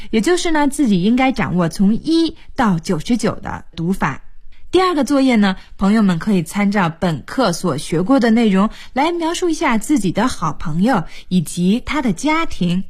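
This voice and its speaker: A woman teaching a broadcast English lesson, slowly repeating each word twice. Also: medium pitch, big pitch swings, a little mellow, breathy edge.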